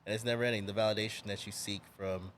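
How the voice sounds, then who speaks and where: A man's voice: on the low side, level tone, fast talker, a bit bright. A man hosting a podcast, offering brief affirmations and asking reflective follow-up questions. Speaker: podcast host. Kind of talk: casual interview chat. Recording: faint background noise.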